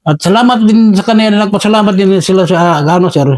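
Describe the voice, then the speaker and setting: Filipino man, soldier recounting combat, high mellow voice, respectful, sir after every phrase. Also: fast. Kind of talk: interview storytelling.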